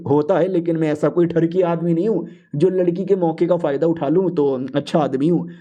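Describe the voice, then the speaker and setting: A man voicing a flustered young male hero who protests loudly to his sister. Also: on the high side, fairly even intonation, brisk, muffled recording, lightly acted.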